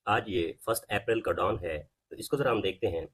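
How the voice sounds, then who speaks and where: Male vocabulary teacher with a Pakistani Urdu accent, rapid delivery, defines words and asks what they mean. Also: on the low side, a bit bright, husky. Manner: explains each word, then asks what it means. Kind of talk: vocabulary lesson.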